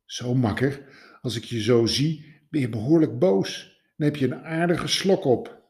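A man voicing a wise, gentle old man who comforts a stranger with soft, calm questions. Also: medium pitch, measured pace, close to an everyday voice.

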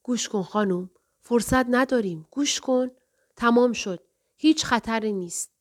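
A woman voicing a hoarse, dry-voiced mother who speaks in a hurried, urgent way. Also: on the high side, lightly acted.

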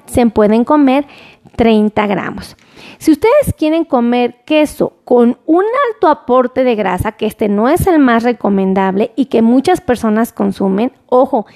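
A woman's voice: fairly high pitch, a little mellow. A woman hosts a live stream, reading out food portions, greeting viewers by name and urging them to share. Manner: reads portions off a list, greets commenters, urges sharing. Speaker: nutrition livestream host.

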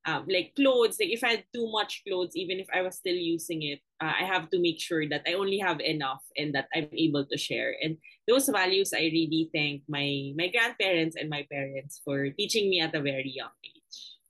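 A young Filipino woman with a Filipino accent, speaking earnestly and reflectively as an interview guest, with frequent pauses and fillers. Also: deep voice, a bit bright, rough recording. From Philippines. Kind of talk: conversational interview.

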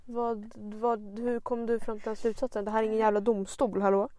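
A woman's voice: fairly high pitch, little pitch movement, mellow, no room sound. A young woman co-hosting a casual podcast chat, blunt and exasperated, swearing freely. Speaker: podcast co-host.

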